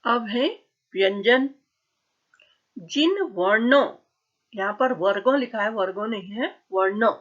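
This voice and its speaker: A woman's voice: a little high, lively intonation, slow pace, pauses often, highs cut off. A woman teacher giving a grammar lesson, patiently asking questions and answering them herself. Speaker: school teacher.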